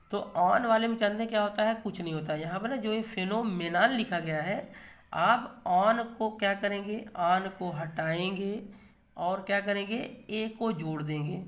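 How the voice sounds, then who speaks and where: A man's voice: high-pitched, a bit bright. A middle-aged man teaching English grammar in an online video lesson. He explains patiently, keeps asking himself rhetorical questions and checks in with the viewer.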